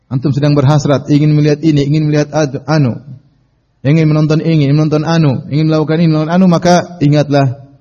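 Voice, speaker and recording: A man giving a Quran study lecture as a preacher, telling stories in a lively way and calling out the lines he quotes. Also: on the high side, fast. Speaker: Islamic preacher. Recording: dull audio with long reverb.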